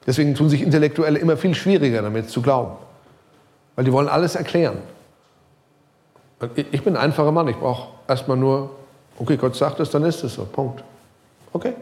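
German pastor with a lively sermon voice. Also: male voice. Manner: lively preaching, pitch rising and sinking, some quiet passages; casual, direct address with English loanwords.

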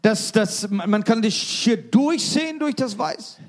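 A man interpreting a sermon live, phrase by phrase, with quick restarts and fillers. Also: extremely high pitch.

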